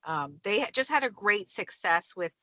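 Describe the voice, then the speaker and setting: A woman speaking at a council meeting over a call from her car while driving, apologetic and quick to clarify herself. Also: medium pitch, very animated, pushed and bright, no room sound. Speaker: state senator on a council call. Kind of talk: meeting discussion.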